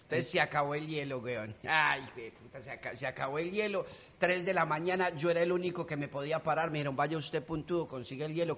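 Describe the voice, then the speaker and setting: A man's voice: fairly high pitch, fairly bright tone. A man voicing a brash young male street thug from Medellín with a paisa accent, a slangy, boastful storyteller. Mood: swaggering. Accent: Colombian paisa.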